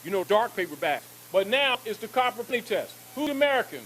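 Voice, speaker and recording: A man's voice: high-pitched, sing-song, a little fast, a bit bright, slight background noise, rough recording. A man giving an emphatic lecture to an audience, repeating points and asking rhetorical questions.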